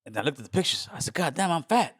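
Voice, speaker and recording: Laid-back Honduran-born man, slightly high voice. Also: quick pace, breathy edge, no echo, clean studio sound. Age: 40s. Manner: laid-back street talk, animated when quoting people. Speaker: podcast guest. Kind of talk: casual storytelling interview.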